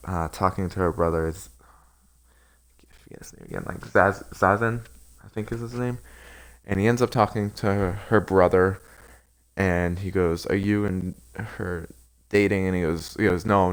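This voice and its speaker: A man recapping anime episodes in a casual, rambling way, with lots of fillers and restarts. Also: low voice. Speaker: anime reviewer.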